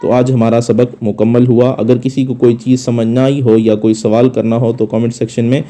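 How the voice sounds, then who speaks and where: A man teaching Quran recitation rules, patiently explaining and slowly reciting model Arabic sounds and words. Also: medium pitch, flat delivery, warm tone. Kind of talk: slow recorded tajweed lesson.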